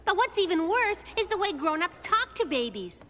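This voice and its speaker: A woman voicing a spirited, bossy young girl in an animated cartoon, emphatic and excitable. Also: extremely high pitch, moderate pace, a little hiss or hum, full character voice. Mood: playful storytelling. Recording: music behind the voice.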